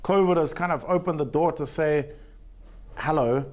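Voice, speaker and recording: A man's voice: on the high side, normal speed, darkish tone. A man hosting a talk show, asking his guest questions and sharing his own stories in a casual, relating way. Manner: friendly, relating, asks questions. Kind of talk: casual interview chat.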